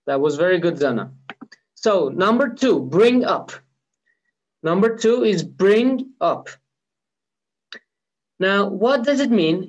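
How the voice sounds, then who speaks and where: Persian-accented man as a patient online English teacher, high voice, dull lo-fi audio. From Iran. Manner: patient, repeats key words slowly. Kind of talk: live online lesson.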